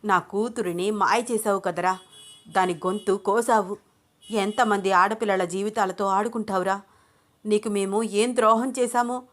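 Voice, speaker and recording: A woman's voice: mid-range voice, steady tone, moderate pace, lightly acted. A woman voicing an enraged, heartbroken father. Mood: furious grief. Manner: shouting, bitter and tearful. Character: enraged grieving father, middle-aged man.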